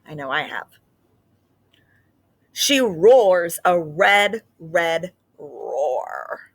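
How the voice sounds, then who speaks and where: With a voice on the low side and a breathy edge, this teacher speaks very slowly but with animation. She patiently and gently explains reading ideas to children, using frequent fillers, and then reads a picture book aloud expressively.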